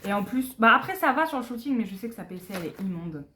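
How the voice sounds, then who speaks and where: A woman's voice: mid-range voice, lively intonation, fast. Giggly young woman unboxing in echoey room. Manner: chatty, giggly, mutters asides softly. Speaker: unboxing vlogger. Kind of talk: casual unboxing chat. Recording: echoey room, faint background noise.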